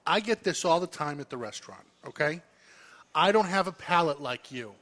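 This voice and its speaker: A man's voice: a little high, expressive, normal speed, a bit bright. A man hosting a casual radio chat show, arguing his point emphatically and teasing his co-host.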